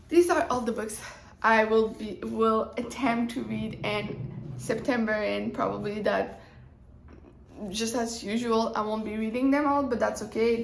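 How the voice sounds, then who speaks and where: A young woman with a fairly high voice talks through her reading plans in a loose, rambling way. She cuts herself off and restarts mid-thought. The room gives her voice a noticeable echo. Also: vocal fry, a little hiss or hum. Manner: rambling, chatty, self-interrupting. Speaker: book vlogger. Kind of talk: casual chat. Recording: roomy echo.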